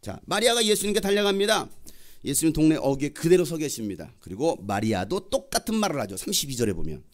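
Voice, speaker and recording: A male pastor delivers a sermon with a lively, swooping delivery and a slightly high voice. He tells the story vividly and acts out its voices as he goes. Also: quick pace.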